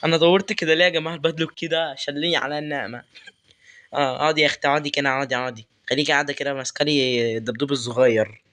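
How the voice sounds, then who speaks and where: A man's voice: on the high side, steady tone, very fast, a bit bright. A young man with an Egyptian Arabic accent commentating a horror game, nervously muttering prayers and taunting the game. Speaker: gaming YouTuber.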